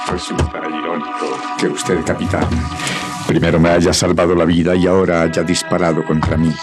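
An actor playing a proud wounded fugitive in a radio serial, speaking with solemn, strained defiance. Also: male voice, low-pitched, little pitch movement, normal speed. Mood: resolute. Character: wounded heroic male fugitive, proud, defiant, protesting innocence. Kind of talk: radio serial melodrama acting. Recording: dramatic music behind the voice.

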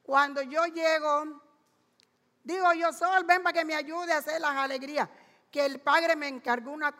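An older woman from Palenque in Colombia with a Caribbean coast accent, telling stories of her life as a street vendor with lively energy. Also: high voice. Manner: energetic, animated storyteller. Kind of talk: lively storytelling interview. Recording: long echoing reverb.

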